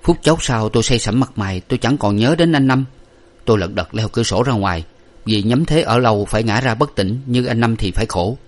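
A man reading a story, voicing a young gentleman master who gives orders curtly. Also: medium pitch, fairly quick, natural voice. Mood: recounting. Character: young gentleman master, dazed but commanding.

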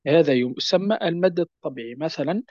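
A man teaching a lesson on Quran recitation rules, patiently repeating key points and slowing down to recite verse examples. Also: on the high side, expressive, a little mellow, no room sound, muffled recording. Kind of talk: explanatory lesson on tajweed.

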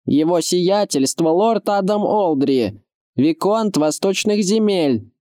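A man reading an audiobook, voicing a stern, impatient old steward who talks slowly and grumbles. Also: sits high, expressive, mellow, voice pushed up. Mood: formal.

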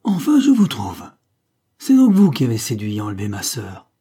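A theatrical, excitable male impostor posing as an old painter, raising his voice high and loud with feigned outrage. His tone is dark and husky underneath, as a male narrator puts him on. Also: moderate pace. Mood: indignant. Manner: loud, indignant, theatrical outbursts.

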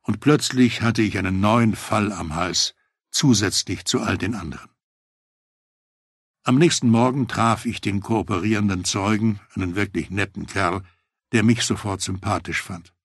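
A man with a low, gravelly, husky voice reads a first-person memoir aloud in a measured, matter-of-fact way. The sound is dry and close to the mic. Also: no echo. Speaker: audiobook narrator.

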